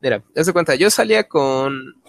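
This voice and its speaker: A man's voice: fairly high pitch, expressive, moderate pace, vocal fry, no room sound. Slangy young Mexican man telling stories. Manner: slangy, swears freely, acts out quoted voices. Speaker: podcast co-host. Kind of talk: casual storytelling chat.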